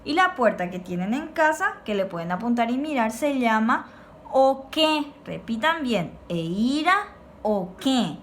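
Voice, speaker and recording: A woman teaching a recorded lesson, speaking slowly and clearly and repeating words for pupils to copy. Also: a little high, sing-song, a bit bright, slight background noise. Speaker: Guaraní teacher.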